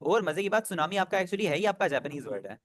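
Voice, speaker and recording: A man's voice: high-pitched, very animated, fast, a little hiss or hum. A man teaching an online Japanese class, patiently drilling pronunciation over a video call.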